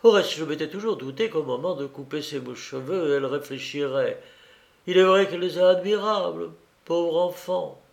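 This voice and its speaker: A man's voice: on the high side, moderate pace, creaky. A man reading aloud voices an effusive, fussy older baroness given to tears. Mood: gushing. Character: gushing, emotional older baroness.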